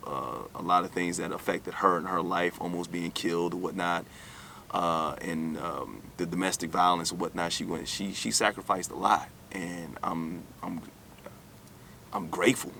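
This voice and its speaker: Speaking with a low-pitched, flat, creaky voice with a sharp tone at moderate speed, this American man recounts his life candidly in an interview. Born in New York and raised in Alabama, he tends to repeat and circle back over phrases; slight background noise is audible.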